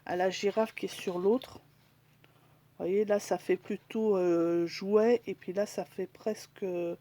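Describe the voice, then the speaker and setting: A woman's voice: mid-range voice, steady tone, slow pace, warm tone. A woman chatting casually in a haul video, hesitant and full of fillers, now and then dropping to a whisper as she shows each item. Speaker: crafting vlogger.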